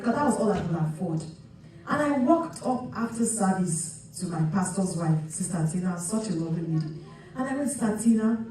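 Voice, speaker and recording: A woman's voice: medium pitch, dark tone. A woman from Nigeria preaching a sermon in a chatty storytelling way, with many restarts and asides. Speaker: pastor. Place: church sanctuary. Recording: echoey church hall picked up from far off.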